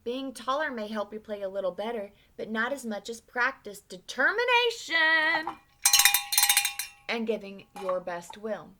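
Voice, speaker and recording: A woman voicing a father in a children's storybook, speaking slowly and earnestly to reassure his son. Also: fairly high pitch, big pitch swings, very noisy. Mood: reassuring. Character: warm encouraging father.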